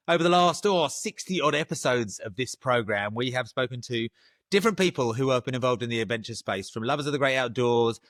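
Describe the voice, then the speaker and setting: A middle-aged man hosts a casual interview podcast, enthusiastic and a little rambling, often restarting his sentences. His medium-pitched voice is a bit bright, recorded with clean studio sound and no echo.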